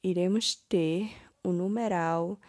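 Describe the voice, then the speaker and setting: A woman teacher, slowly correcting first-grade homework step by step, stressing each word. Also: on the low side, fairly even intonation, darkish tone, no echo, clean studio sound.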